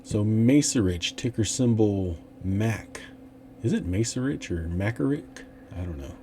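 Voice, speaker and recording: A man's voice: lowish voice, expressive, a little slow, mellow, slight background noise. A man hosting an investing channel, talking through stock picks in a casual, rambling way with many fillers and restarts. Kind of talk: casual stock analysis talk.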